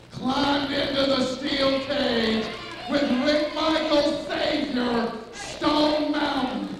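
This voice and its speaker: High-pitched man cutting a wrestling promo, echoey arena. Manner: drawn-out, menacing, grandiose declamation. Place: indoor wrestling arena ring. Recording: echoey arena, distant mic, noisy.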